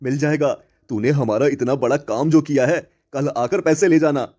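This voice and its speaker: A man voicing a scheming, greedy village moneylender in a cartoon story, talking in a smooth, sly way. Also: medium pitch, moderate pace, dark tone, lightly acted.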